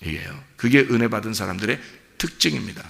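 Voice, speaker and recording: A man's voice: lowish voice, animated, fast talker, gravelly, a bit bright. A male pastor preaching a sermon, often checking in with the congregation through rhetorical questions. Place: church sanctuary. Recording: long church hall reverb.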